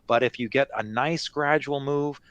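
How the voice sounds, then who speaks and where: A male market analyst talks through his reasoning off the cuff in a mid-pitched voice. He explains in a conversational way, often dropping in small check-in phrases. The sound is close and dry, with very little room in it. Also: normal speed, a bit bright, smooth, no echo, muffled recording. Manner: conversational, explanatory, peppered with "you know" and "right?". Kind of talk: unscripted market commentary.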